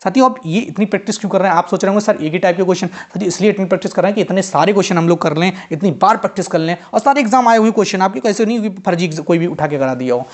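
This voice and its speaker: A high-pitched male teacher with a Hindi-belt Indian accent leads an exam-prep grammar lesson, drilling students with rapid, repeated questions and answers.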